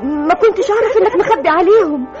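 An actress playing a polite, deferential secretary with an Egyptian accent in an old radio drama. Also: female voice, very high voice, animated, fast, a loud crowd. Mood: pleading. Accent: Egyptian Arabic. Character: polite young woman secretary, eager to please. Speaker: office secretary. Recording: dull old radio recording with music.

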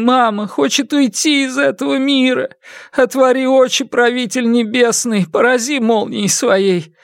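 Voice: mid-range voice, a little mellow, dry recording, clean studio sound, voice pushed up, close to an everyday voice. A reader voicing a timid, pathetic middle-aged man who pleads and wails, in an audiobook. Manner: mumbling, pleading, wailing.

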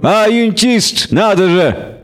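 A man's voice: high-pitched, lively intonation, slow pace, voice pushed up. A fierce young elf woman in an audiobook spits hissed threats in a tense, raised voice. Scorn drips from every word; a male narrator puts her on. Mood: hissing scorn. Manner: hissing, contemptuous.

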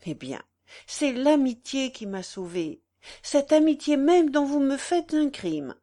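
An earnest young wife in an audiobook, read by a woman, fairly high-voiced and lively in melody. She pleads and defends herself with wounded sincerity. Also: measured pace.

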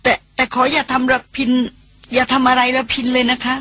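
A woman's voice: fairly high pitch, a bit bright, husky, dry recording, voice pushed up, full character voice. Woman voicing a sobbing young woman, stammering. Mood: tearful pleading. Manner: halting, stammering pleas. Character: young woman, tearful, pleading, devoted sister. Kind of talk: audiobook character voice.

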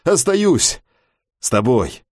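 A man voicing a coarse working-class lout in a gruff, offhand way, in an audiobook. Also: mid-range voice, sing-song, slow pace, dry recording, studio quality, voice pushed up.

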